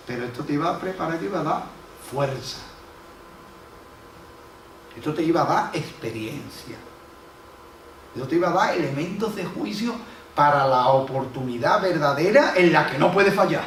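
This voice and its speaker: A man's voice: a little high, slight background noise. A man preaching a sermon as pastor, telling folksy stories and acting out the voices he quotes. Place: church hall. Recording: echoey hall from a distant mic.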